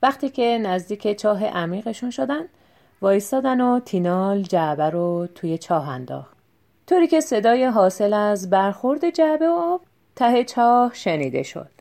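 A woman calmly narrating a folk tale as an audiobook reader, in an even storytelling manner. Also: mid-range voice, vocal fry.

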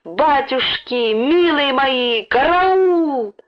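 A woman reader voicing a stout, red-cheeked woman who yells in a shrill, piercing voice and accuses loudly, on a dull lo-fi recording. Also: sing-song, unhurried, husky. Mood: shrieking alarm. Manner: bellowing, accusing.

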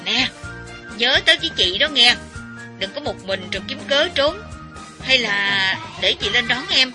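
Man putting on a bossy young woman, high-pitched, shouting down the phone, soft music behind. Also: animated, a little slow. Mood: pressing. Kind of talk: audiobook character voice.

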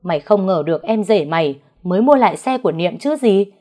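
A woman voicing an enraged old father who shouts harshly at his son. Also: medium pitch, lively intonation, fairly quick, natural voice.

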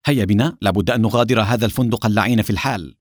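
A man voicing a calm, sarcastic male secret agent in an audiobook. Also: lowish voice, very fast, dry recording, clean studio sound, close to an everyday voice. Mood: urgent.

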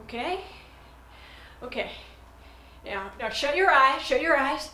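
A woman's voice: high-pitched, lively intonation, slow, heavily acted. A woman playing an unsettling, intimate captor who rambles and teases, calling the listener baby. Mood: probing taunt. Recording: echoey room with loud music.

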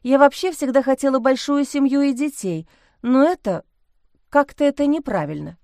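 A woman voicing a flustered, tearful young gentlewoman who pouts and whimpers. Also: dry recording, clean studio sound. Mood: unsure. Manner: high, plaintive and quick to whimper.

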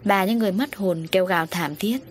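A woman's voice: mid-range voice, fast, slight background noise. Woman narrating an audio story. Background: faint music.

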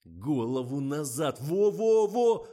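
A man voicing a loud, excitable male film director in an audiobook, shouting orders and stretching out his exclamations. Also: a little high, takes it slowly, pitched above the performer's own voice. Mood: frantic. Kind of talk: audiobook character voice.

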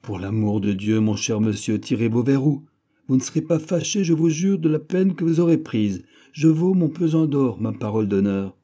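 A man's voice: on the low side, monotone, moderate pace, hardly any pauses, dark tone, natural voice. A man voicing a bold, boastful musketeer in an audiobook, brash and impatient, swearing as he demands things. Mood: insistent.

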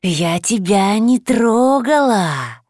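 A woman voicing a ravenous, hissing ancient forest creature that drags out its words slowly. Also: sing-song, a little mellow, no room sound, studio quality, full character voice. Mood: ominous. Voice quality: hissing, booming. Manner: slow, drawn-out words.

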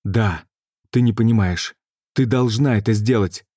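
A tormented male mage, as a deep-voiced reader plays him, urgent and tense in an audiobook. His voice is low and dark, and it is recorded close and dry. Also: measured pace, dry recording. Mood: harsh.

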